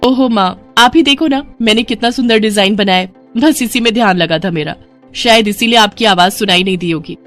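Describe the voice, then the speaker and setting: A woman's voice: mid-range voice, brisk, fairly bright tone, faint music behind, lightly acted. A woman voicing a cheerful young daughter who loves drawing mehndi designs, speaking in a sweet, coaxing way.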